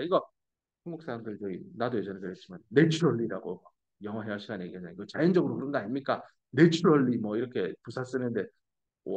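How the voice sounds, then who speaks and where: A middle-aged man lecturing as a university professor, talking through each point in a relaxed, explanatory way. His voice sits at a middle pitch, and the lecture room recording sounds slightly dull and lo-fi. He drops English terms into casual asides.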